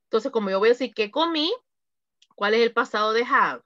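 A woman's voice: fairly high pitch, animated, fairly bright tone, no echo, highs cut off. Woman, English teacher, patient explaining, dry close sound. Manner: patient, explains slowly, repeats examples. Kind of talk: online class instruction.

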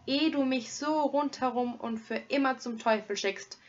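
A woman's voice: sits high, a little slow. A woman doing an easygoing robber. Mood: calm. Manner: soothing, easygoing. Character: calm good-natured male robber. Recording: dull lo-fi recording.

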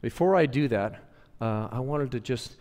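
A pastor preaches to his congregation in a mid-range man's voice, repeating phrases for emphasis and asking the room to answer him. He drops to near-hushed lines, then rises loud and emphatic. The sound carries a long reverb from the church hall. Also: mid-range voice, moderate pace. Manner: swings between hushed lines and louder emphatic ones. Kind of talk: sermon. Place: church sanctuary.

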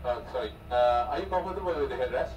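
A man's voice: mid-range voice, fast talker. Malaysian guy coaching centrifuge training, short commands, reassuring, echoey and noisy. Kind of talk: coaching over an intercom during training. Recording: noisy, echoey intercom, distant from mic.

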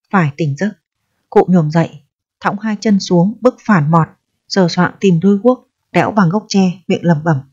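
A woman narrating an audiobook with calm, steady storytelling, on a slightly dull lo-fi recording. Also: medium pitch. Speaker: audiobook reader.

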